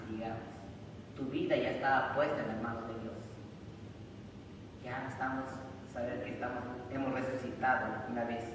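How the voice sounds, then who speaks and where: A man preaching a sermon and reading scripture, rising loudly for emphasis. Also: mid-range voice. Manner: emphatic, loud rises when reading scripture. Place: church sanctuary. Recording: echoey hall from far off, noisy.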